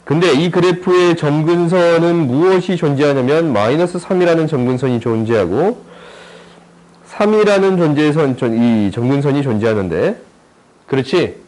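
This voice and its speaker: A man with a fairly high voice teaching a math class. He talks in a chatty, joking way and keeps checking in with his students through short questions as he works through the problem. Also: animated, normal speed, a little mellow, rough recording. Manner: jokey, chatty, asks students lots of tag questions. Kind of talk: recorded math lesson.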